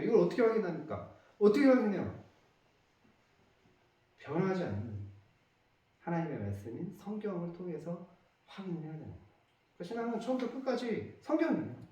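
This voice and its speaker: A male pastor delivering an emphatic sermon full of rhetorical questions, heard from a distance in an echoey church. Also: high-pitched.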